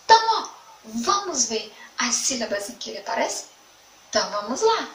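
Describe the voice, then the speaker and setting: A woman teacher with a Sergipe Brazilian accent gives an online lesson to young children, speaking in a slow, sing-song way and repeating words. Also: on the high side, sing-song. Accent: Sergipe Brazilian Portuguese. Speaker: primary school teacher. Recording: echoey room, mic at a distance, faint background noise.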